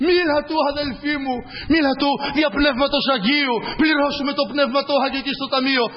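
Hoarse man preaching, really high voice, fervent and repetitive, muffled echoey church sound. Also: steady tone, slight background noise. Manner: fervent, repeating phrases, frequent hallelujahs. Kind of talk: sermon.

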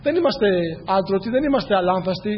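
A man's voice: high voice, expressive. A man preaching a sermon in earnest, asking rhetorical questions and repeating key phrases. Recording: muffled, echoey hall with faint noise.

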